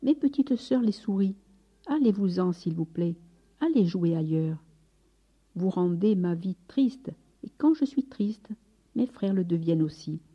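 A woman's voice: mid-range voice, expressive, unhurried, husky. A woman voicing a sick, humble male friar who prays devoutly and recites solemn praise. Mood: gentle pleading. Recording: slightly dull recording with soft music.

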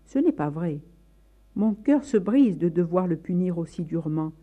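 Reader doing a heartbroken father in a spoken story, pleading and anguished, very dark mellow tone, the recording is a bit dull and muffled. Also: medium pitch, expressive, normal speed, close to an everyday voice. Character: grieving, desperate middle-aged father.

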